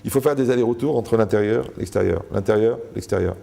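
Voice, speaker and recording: A man's voice: on the low side, fast, gravelly, warm tone. A man giving a Torah lecture to a live audience, joking, asking the room questions and acting out the people he quotes.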